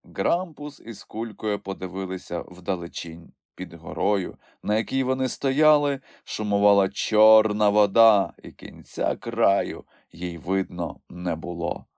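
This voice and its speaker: A man narrating a children's audiobook in an expressive storytelling manner. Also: deep voice, unhurried, creaky, few pauses, no room sound. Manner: expressive storytelling with lively swings. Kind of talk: scripted narration.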